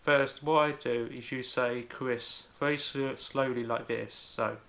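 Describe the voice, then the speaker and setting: Male tutorial host, gravelly creaky voice, careful step-by-step delivery. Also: medium pitch, steady tone, a little slow, a bit bright. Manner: careful, step-by-step explaining with frequent "so". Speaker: language video host. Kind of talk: home-made tutorial.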